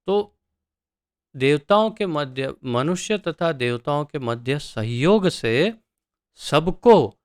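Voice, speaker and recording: A man teaching scripture verse by verse, chanting each line slowly and then explaining it word by word with thinking pauses. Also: a little high, expressive, smooth, no echo, studio quality.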